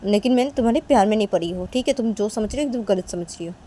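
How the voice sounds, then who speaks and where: A woman's voice: medium pitch, animated, racing, slight background noise, natural voice. A woman voicing an angry young woman who scolds and insists she is not in love. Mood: scolding. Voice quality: sharp, scolding, repeats "chup ho jao".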